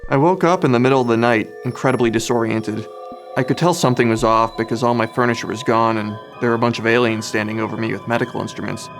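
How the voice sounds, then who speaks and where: A man telling his story in a casual, indifferent, deadpan way for a mock testimonial. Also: mid-range voice, fast talker, faint music behind. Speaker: interviewee.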